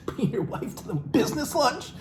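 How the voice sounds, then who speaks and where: The reader has a very high voice with big pitch swings and goes a little slowly. Hosting a comic book reading, he mocks the book and drops sweary, casual remarks. There's roomy echo and background noise.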